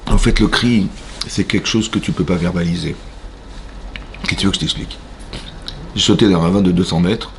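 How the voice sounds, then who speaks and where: A man with a French accent, a rabbi giving an animated Torah class in a synagogue, questioning his listeners and acting out voices. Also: low voice, fairly quick, gravelly, pauses often, a little hiss or hum. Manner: animated, asks the audience questions, acts out voices. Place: synagogue hall.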